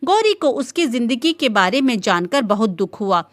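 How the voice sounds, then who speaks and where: A woman narrating a romantic story in an expressive, steady storytelling manner. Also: fairly high pitch, moderate pace, dry recording.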